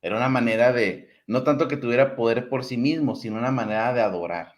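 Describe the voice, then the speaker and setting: A man's voice: mid-range voice, fast. A man with a mid-range voice explains his views in a casual conversation. He lays out his points step by step and circles back to repeat them.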